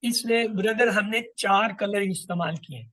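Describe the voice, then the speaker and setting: A man's voice: high voice, a bit bright. A man teaching a class, patiently explaining and repeating lists of words. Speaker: Quran grammar teacher. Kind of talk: online class lesson.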